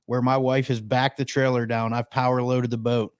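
A man on a casual podcast, telling anecdotes in a lively way. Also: mid-range voice, moderate pace, smooth, no room sound, studio quality.

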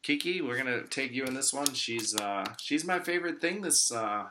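A man's voice: mid-range voice, animated, normal speed, noisy background. An American man chatting casually as a podcast host, in a jokey manner. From Chicago, United States. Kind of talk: casual chat.

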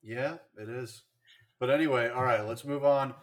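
A man's voice: mid-range voice, steady tone, normal speed. Chatty man rattling off baseball stats. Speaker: podcast co-host. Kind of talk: casual sports chat.

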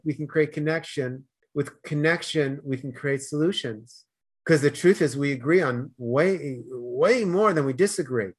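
A middle-aged man from Boston, speaking with a Boston accent, is a guest in a casual interview, talking earnestly and getting loud when animated. His voice is a little high.

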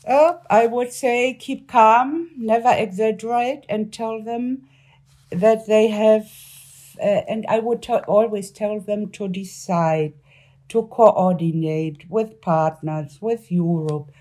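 Halting woman with a German accent. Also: medium pitch, steady tone, warm tone. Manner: halting, searching for words in a second language. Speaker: former member of parliament, interview guest. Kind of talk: interview answers on politics.

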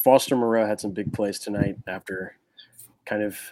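Low-voiced host, loose and tipsy, dry sound. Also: male voice, steady tone, moderate pace, darkish tone, no echo. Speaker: podcast host. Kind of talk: casual sports chat.

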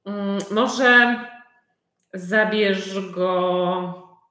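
A woman's voice: medium pitch, extremely slow, bright, forceful tone, roomy sound. A woman teaching a live online conversation class, speaking in simple sentences and repeating her questions for learners.

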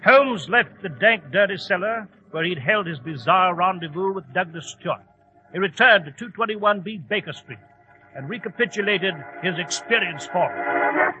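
An actor playing an earnest, genial English doctor with a British accent and fussy, courteous manner in 1940s radio style. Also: male voice, sits high, animated, moderate pace, bright, forceful tone, soft background music. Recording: dull, lo-fi old radio recording.

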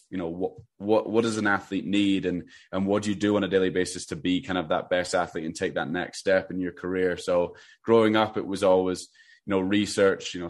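Deep-voiced young Scottish man. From Scotland. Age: 20s. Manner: relaxed, rambling with many restarts. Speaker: interview guest, runner. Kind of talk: casual interview.

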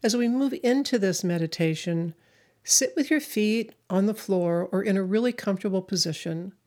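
A woman leading a guided meditation in a slow, soothing, hypnotic way, with long pauses between phrases. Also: mid-range voice, a little mellow. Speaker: spiritual speaker and meditation leader.

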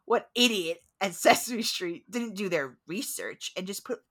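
A woman co-hosting a chatty podcast, talking in an excitable, jokey way with a lot of swing in her pitch. Her voice is bright and forward, heard over a video call. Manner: excitable, joking, quick to laugh. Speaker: podcast co-host. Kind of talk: casual chat.

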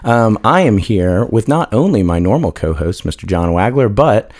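A man with a hoarse, scratchy voice, co-hosting a casual podcast chat and rambling with plenty of fillers. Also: fairly low pitch, moderate pace. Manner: relaxed, rambling with many fillers. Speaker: podcast co-host.

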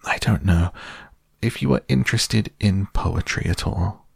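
A man acts out a gentle storybook bear of humble wits. The voice is low and creaky, and it plods along slowly and hesitantly. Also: dry recording, clean studio sound, exaggerated voice. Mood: shy, hesitant. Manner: hesitant, ponderous. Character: slow, humble, gentle male toy bear.

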